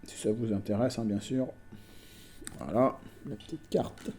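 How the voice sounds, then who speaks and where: A man's voice: lowish voice, unhurried, dark tone, a little hiss or hum. A man chatting casually at home as a collector vlogger, hesitant and talkative, with many fillers and restarts. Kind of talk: casual chat.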